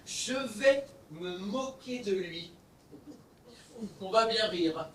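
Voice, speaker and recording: A man plays a rude young nobleman who taunts and insults in an amateur stage play. His voice is very high, and he speaks slowly and deliberately. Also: animated, fairly bright tone, roomy sound, far from the mic, full character voice. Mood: taunting.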